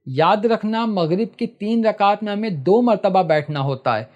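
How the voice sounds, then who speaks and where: A man's voice: high-pitched, expressive, a little mellow, lo-fi sound. Patient man teaching prayer steps. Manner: patient, repeatedly tells listeners to listen carefully; switches to slow chanted recitation for prayer texts. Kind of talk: step-by-step spoken instruction.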